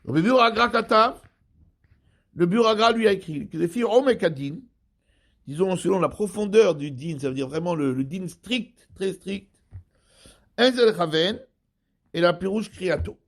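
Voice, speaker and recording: A man gives a rabbinic study lesson in a fairly high voice. He explains step by step, pausing, repeating and rewording each term for his listeners. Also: animated, fairly bright tone. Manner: explains slowly, repeats and rephrases terms.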